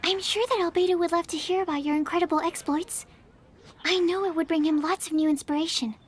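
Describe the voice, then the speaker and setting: In a video game cutscene backed by game music, a woman plays a timid, apologetic young female alchemy assistant who is shy and nervous. Her voice is extremely high-pitched and steady in tone, and she talks fast. There's a little hiss or hum in the recording.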